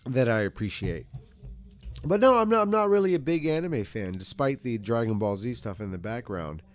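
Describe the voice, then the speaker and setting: A middle-aged man in a casual, rambling monologue as a video host, halting and repeating words, with some casual swearing. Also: medium pitch, lively intonation. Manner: casually foul-mouthed. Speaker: video host answering viewer questions.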